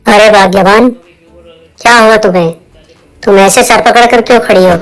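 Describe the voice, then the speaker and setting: A woman's voice: medium pitch, steady tone, moderate pace, soft background music, pitched below the performer's own voice, lightly acted. A woman voicing a hot-headed young husband in a cartoon moral story, scolding and indignant. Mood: pleading. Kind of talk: cartoon voice acting.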